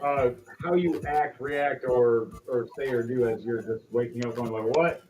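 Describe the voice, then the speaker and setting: A man's voice: medium pitch, steady tone, unhurried, a little mellow, far from the mic. A man running a tabletop game as game master, narrating casually and theatrically. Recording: dull lo-fi audio with music.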